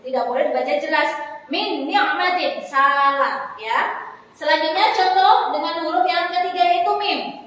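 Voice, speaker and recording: A woman teaching Quran recitation, explaining rules patiently and chanting each example slowly several times. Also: sits high, fairly even intonation, fairly bright tone. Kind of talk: classroom lesson on recitation rules. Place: room in a foundation office, marking a board. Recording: echoey hall, voice far from mic.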